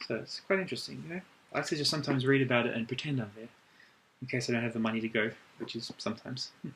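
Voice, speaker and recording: A man performs an ASMR role-play as a helpful librarian, speaking at a middling pitch. He chats gently and takes his time as he recommends things. There is clear background noise with clicking sounds. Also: racing, poor audio.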